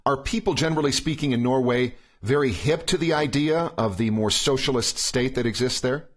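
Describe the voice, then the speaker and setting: A man's voice: medium pitch, a little fast. A man hosting a podcast, who reads the guest's introduction and then asks rambling, hedging questions. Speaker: podcast host. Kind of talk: casual interview questions.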